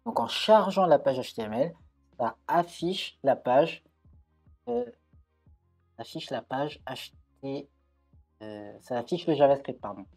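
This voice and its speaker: A man's voice: mid-range voice, lively intonation, slow, pauses often, a little mellow, faint music behind. A man giving a live-coding tutorial at his computer, thinking aloud with frequent hesitations and self-corrections. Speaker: coding streamer.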